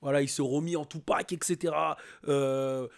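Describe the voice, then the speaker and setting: A man hosting a YouTube reaction video, talking casually and excitedly to his viewers with lots of fillers. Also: on the high side, moderate pace, vocal fry. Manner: excitable, hyped, chatty with many fillers.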